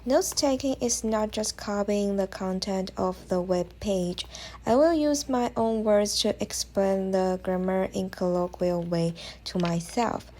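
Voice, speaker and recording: Reading a scripted voice-over for her language-learning tutorial, this young vlogger, a native Chinese speaker, uses careful English with a slight non-native touch. Her voice is mid-range and warm, at a measured pace.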